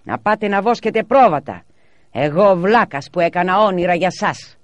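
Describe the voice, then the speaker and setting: A man voicing a stern, hot-tempered father of three who shouts in a raised voice. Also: mid-range voice, very animated, no room sound. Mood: furious.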